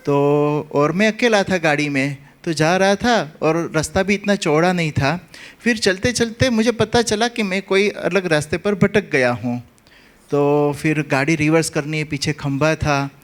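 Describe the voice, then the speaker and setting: High-pitched Gujarati man telling stories. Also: normal speed. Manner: animated storyteller acting out the characters. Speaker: comic speaker at a spiritual gathering. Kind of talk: humorous anecdotes told to an audience.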